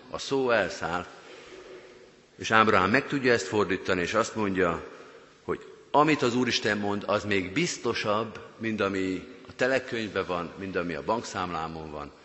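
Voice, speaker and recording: A man's voice: on the low side, pushed and bright. A man preaching a sermon as pastor, speaking earnestly and directly to his congregation. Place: church. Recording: long church reverb.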